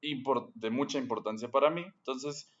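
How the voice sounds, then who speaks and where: A man from Guatemala hosting a casual podcast, speaking in a relaxed, hesitant way and often tagging phrases with "¿no?". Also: mid-range voice, normal speed, lo-fi sound. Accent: Guatemalan Spanish. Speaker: podcast host.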